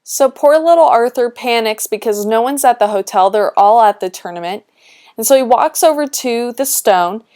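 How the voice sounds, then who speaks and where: A woman's voice: on the high side, lively intonation, normal speed, a little mellow, clean tone. A woman teacher explaining a text in a chatty way, reading old quotes aloud with playful voices. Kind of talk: explaining a text while scrolling a document.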